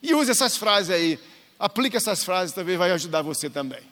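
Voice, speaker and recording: A man's voice: sits high, big pitch swings, brisk, pushed and bright. Storytelling man in a reverberant hall. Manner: storytelling, acts out dialogue, playful. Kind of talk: church marriage talk, telling stories. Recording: echoey hall with long reverb.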